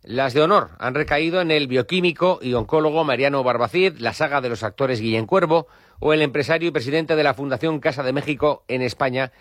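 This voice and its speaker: A man anchoring a radio news bulletin with a steady, formal delivery. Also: mid-range voice, fairly quick, no room sound, studio quality.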